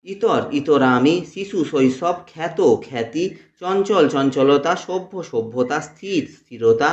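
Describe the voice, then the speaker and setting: A man's voice: a little high, animated, a little slow. A man teaching a grammar lesson on a channel, steadily reciting long lists of word pairs to his students. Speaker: grammar tutor. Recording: echoey room, dull lo-fi sound.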